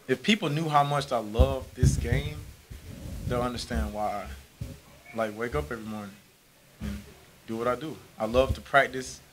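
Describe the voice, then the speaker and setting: A young man, a college football receiver, talking in an energetic, easygoing way at a post-game press conference. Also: medium pitch, slight background noise, poor audio. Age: young adult. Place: press room in front of a team backdrop. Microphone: table mic on a stand.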